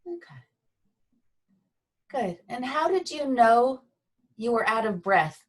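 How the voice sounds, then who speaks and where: A woman teaching a Feldenkrais class over a video call, speaking gently and unhurriedly with pauses and fillers. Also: fairly high pitch, very animated, recorded from a distance. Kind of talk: guided movement lesson over video call.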